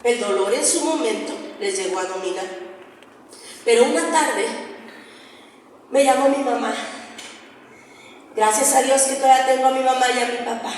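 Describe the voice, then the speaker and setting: A middle-aged woman, a preacher and singer, earnestly preaches to a women's group and has them read along. Her voice is on the high side, with a moderate pace, long pauses and slight background noise. The distant mic picks her up in an echoey hall with faint ambience.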